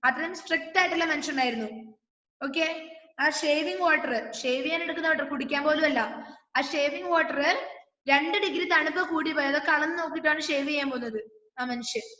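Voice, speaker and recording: A woman teaching an English class online, reading lines out slowly and explaining them in quick, questioning asides. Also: high voice, pushed and bright. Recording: dull, echoey room with long reverb.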